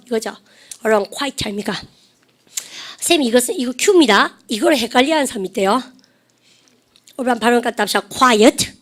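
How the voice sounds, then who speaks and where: A woman English teacher giving a chatty vocabulary lecture, prompting the class to repeat phrases and laughing often. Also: on the high side.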